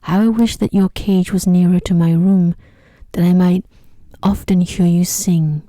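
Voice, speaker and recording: Young fairy-tale maiden, voiced by a female narrator: gentle, sweet, shy, breathy and very mellow. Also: lowish voice, steady tone, measured pace, dry recording, studio quality, lightly acted. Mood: wistful. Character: kind young maiden, timid yet cheerful.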